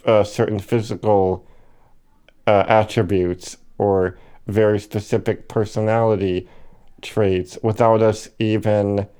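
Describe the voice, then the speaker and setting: A man talking slowly and reflectively in a personal monologue, hesitating with fillers and correcting himself, with hiccups now and then. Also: fairly low pitch, little pitch movement, dark tone, clear, resonant tone. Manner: slow and hesitant, many fillers and self-corrections. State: has the hiccups.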